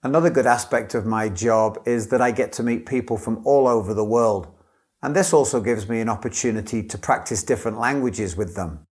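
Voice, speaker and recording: A man, an English teacher, giving scripted model answers as an exam candidate in a clear, careful delivery. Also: on the low side, fairly quick, a little mellow.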